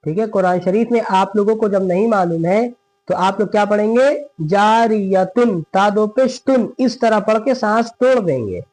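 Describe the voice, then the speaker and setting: A man with a fairly high voice teaches a recitation lesson at a steady, patient pace. He keeps asking questions and answering them himself. For each example verse he slows into a long, drawn-out chant. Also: soft background music, poor audio. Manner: patient, repetitive, asks and answers his own questions.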